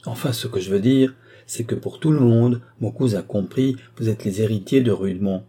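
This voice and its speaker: A man's voice: fairly low pitch, moderate pace, mellow, slightly rough. A man voicing a proud, principled young man who answers his mother firmly and earnestly. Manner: earnest, firm.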